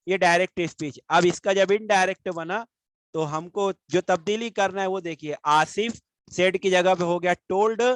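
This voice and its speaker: Man from India, teacher, grammar lesson, fairly high voice, dry close sound, drawn-out example sentences. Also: no echo, rough recording. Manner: slows down and stretches out English example sentences.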